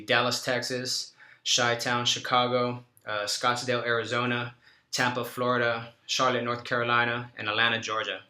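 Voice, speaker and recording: Rambling man from Los Angeles, bright voice. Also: medium pitch, roomy sound. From Los Angeles County, California. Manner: rambling, self-correcting, frequent throat clearing. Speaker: marketing agency owner. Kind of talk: casual vlog talk to camera.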